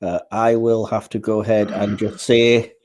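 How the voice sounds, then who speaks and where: A man's voice: on the low side, level tone, moderate pace, background noise. A man hosting a podcast in casual chat, steering the segments with plenty of ums and hesitations. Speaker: host.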